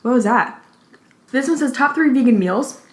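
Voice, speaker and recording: A woman hosting a mukbang, chatting informally with lots of "like", pausing to take bites and chew, slightly out of breath. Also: high voice, expressive. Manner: informal, peppered with "like". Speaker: mukbang host. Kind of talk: casual chat while eating. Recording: roomy, echoey indoor sound.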